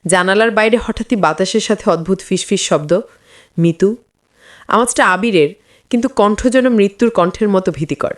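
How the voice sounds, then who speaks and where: A woman narrating a story in the third person, measured and hushed, with a note of suspense. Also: medium pitch.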